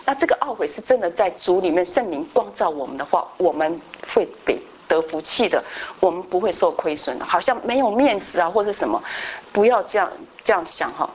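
A middle-aged woman teaching a Bible class, telling a personal story in an animated way, mixing in English words. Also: on the low side, slight background noise, poor audio.

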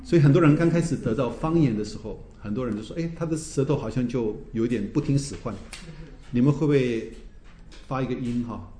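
A man, a pastor teaching a church class, telling stories in a lively way, tagging his phrases with "哈" and laughing often. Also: medium pitch, a little fast, a little hiss or hum. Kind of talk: teaching a Bible class, with anecdotes. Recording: roomy echo.

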